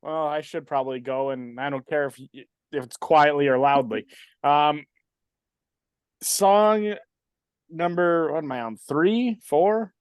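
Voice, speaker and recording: A man's voice: fairly high pitch, a little slow, smooth, dry recording. A man in his thirties on a podcast panel, chatting casually and making self-deprecating jokes. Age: 30s.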